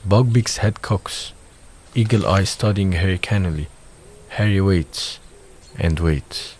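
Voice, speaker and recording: The narration for this audio drama is scripted and voiced by a low, somewhat mellow man. Each scene is described in the present tense, delivered in a calm, measured way.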